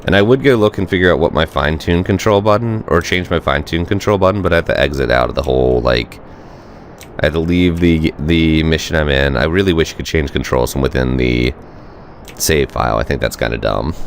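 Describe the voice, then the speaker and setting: At a brisk pace and in a bass voice, a gaming channel host gives let's play commentary, rambling and thinking aloud with fillers. A cold has him congested and nasal, and there's a slight hiss or hum in the audio.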